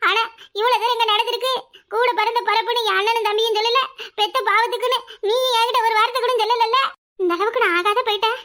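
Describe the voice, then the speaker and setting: A woman's voice: very high voice, bright, forceful tone. A woman voicing a young married village daughter with a Kanyakumari Tamil accent, weepy and melodramatic, for a cartoon. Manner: wailing, melodramatic laments. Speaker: daughter in a family quarrel.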